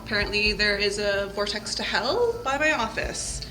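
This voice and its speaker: A woman's voice: medium pitch, moderate pace, bright, forceful tone, soft background music, poor audio. A woman who works as a museum programmer, answering interview questions in a plain, matter-of-fact way.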